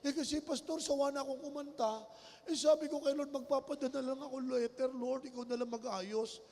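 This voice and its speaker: A man's voice: extremely high pitch, steady tone, fairly quick, a little mellow, voice pushed up. A man voicing a small, earnest grade-school boy with a Filipino accent who apologizes in a whiny, childlike voice. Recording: long-echo auditorium.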